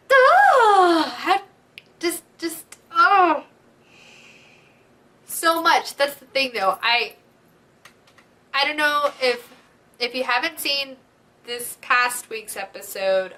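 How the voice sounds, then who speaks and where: A woman hosting a vlog, chatting casually and excitedly, with frequent giggles and gushing asides. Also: medium pitch. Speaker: vlog host. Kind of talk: casual fan chat.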